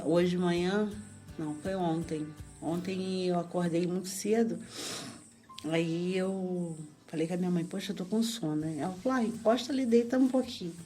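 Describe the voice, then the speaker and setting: A woman's voice: fairly low pitch, mellow. A woman, a guest on a radio interview, telling a personal story at length and acting out what people said. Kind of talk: personal testimony in conversation.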